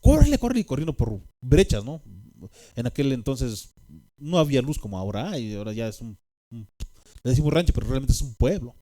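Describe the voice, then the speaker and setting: A man's voice: medium pitch, lively intonation, a little fast, dark tone. A man with a Mexican accent telling a personal testimony, rambling with fillers and tag questions. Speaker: speaker giving a personal testimony.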